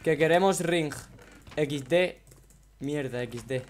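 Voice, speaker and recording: High-voiced excitable Spanish gamer guy. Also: takes it slowly, a little hiss or hum. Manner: excitable, yelling and taunting other players. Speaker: gaming YouTuber. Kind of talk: gameplay commentary with a friend.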